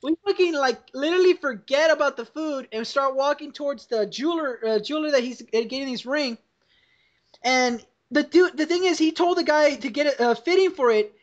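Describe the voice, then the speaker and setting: High-voiced young woman rambling over a dull call. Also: fairly quick. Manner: rambling, profane storytelling with frequent laughs. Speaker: podcast host. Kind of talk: casual chat over a voice call. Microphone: voice call headset or computer mic.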